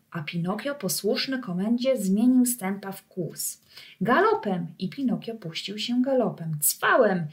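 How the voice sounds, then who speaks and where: A woman's voice: medium pitch, darkish tone. Woman reading a children's story. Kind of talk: reading a children's book aloud.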